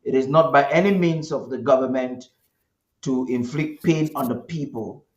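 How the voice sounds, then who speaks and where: A man's voice: medium pitch, moderate pace. A man hosts a live interview, pacing his formal phrasing with small halts and restarts. His voice comes through a roomy, echoing space on dull, lo-fi audio. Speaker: host.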